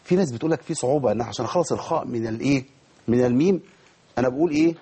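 A man's voice: medium pitch, racing, mellow, slightly rough. A man with an Egyptian Arabic accent teaching a tajweed lesson. He quizzes his students and models each pronunciation for them. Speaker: Quran recitation teacher.

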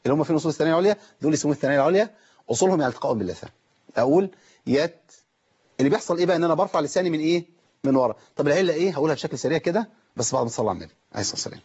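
A man's voice: on the high side, racing, darkish tone, breathy edge, muffled recording. A man with an Egyptian accent giving a televised lesson on pronouncing Quranic letters, explaining step by step and quizzing his viewers. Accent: Egyptian Arabic. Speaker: Quran recitation teacher.

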